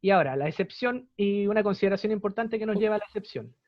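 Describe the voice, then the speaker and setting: A young man with a Chilean Spanish accent teaches English in an online class. His voice sits high and he explains patiently, repeating each example. The sound is dull and lo-fi, with a dry, close feel. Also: animated, fast, dry recording.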